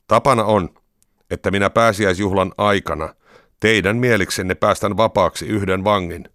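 A man voicing a stern Roman governor in a scripture reading, measured and questioning. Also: lowish voice, steady tone, a bit bright, no room sound, clean studio sound, lightly acted.

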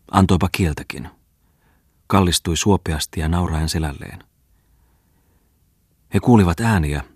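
A man narrating a literary audiobook in a measured, even manner. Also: rumbling low, breathy edge, no room sound, studio quality. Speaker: audiobook reader.

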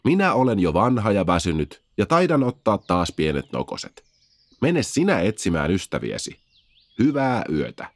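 A man's voice: fairly low pitch, big pitch swings, no echo. A man voicing an ancient, sleepy stone unicorn, kind, wry and reassuring. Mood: wry, gentle.

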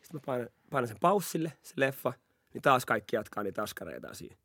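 Animated young man telling a wild story. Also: medium pitch, dry recording, clean studio sound. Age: young adult. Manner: animated, laughing, acts out quotes. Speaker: podcast host. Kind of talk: casual storytelling chat.

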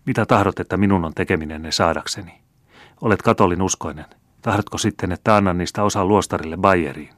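A man's voice: sits low, fairly bright tone, dry recording. A man putting on a gold-obsessed old miser. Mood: pleading. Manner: urgent, obsessive pleading. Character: greedy gold-hungry old man, pleading then cursing.

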